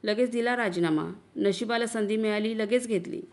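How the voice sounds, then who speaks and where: A woman reading the part of a boastful, smooth-talking middle-aged husband in a story, coaxing and self-assured. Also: a little high, normal speed, close to an everyday voice.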